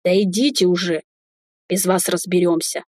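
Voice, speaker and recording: A woman's voice: lowish voice, steady tone, moderate pace, darkish tone, no room sound, close to an everyday voice. A woman reading the part of a young male security guard, uneasy and practical, in a dry close recording. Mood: flustered.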